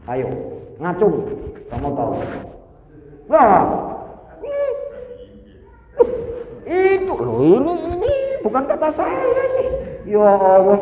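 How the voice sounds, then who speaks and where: An older man preaches in a lively, joking manner and keeps calling out questions to his listeners. His voice sits fairly high and swoops widely. He is heard from far off in an echoey hall through a thin, phone-like sound. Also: slight background noise. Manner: lively, jokey, questions the audience. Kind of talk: sermon.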